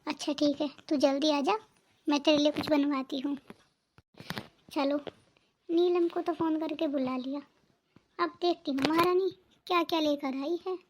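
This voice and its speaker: A woman's voice: high-pitched, steady tone, moderate pace, pauses often, noisy background, natural voice. A woman voicing a nagging, greedy mother-in-law in a cartoon family drama, talking sarcastically. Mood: scolding. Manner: scolding, sarcastic.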